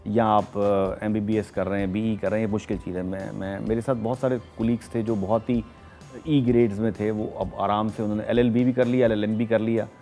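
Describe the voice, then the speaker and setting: A middle-aged man with a Pakistani accent talks through horoscopes in a low, mellow voice. He explains steadily, often pausing with hesitations. Faint music plays behind him. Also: level tone. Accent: Pakistani Urdu. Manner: measured, explanatory, frequent hesitations. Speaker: astrologer. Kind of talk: studio talk show reading horoscopes.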